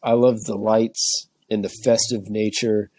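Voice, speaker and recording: Podcast co-host guy, blunt, swears when he jokes, lowish voice, dry close mic. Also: flat delivery, unhurried, a little mellow, no room sound. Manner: blunt and emphatic, jokes with profanity. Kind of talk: casual chat.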